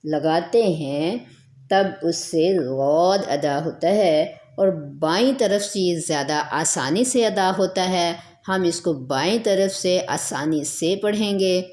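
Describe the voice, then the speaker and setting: A woman teaching recitation in a patient, explanatory way, going back over each point. Her voice sits a little low for a woman. She stretches the letter sounds out long to show how they should be said. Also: darkish tone. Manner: repeats points, draws out letter sounds as models.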